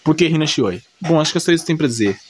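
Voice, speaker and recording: A video creator narrates an anime recap in a husky, fairly high male voice that's expressive and very fast. He has a Brazilian accent and gives casual, unscripted story commentary that's colloquial and repetitive, often tacking on little check-in tags.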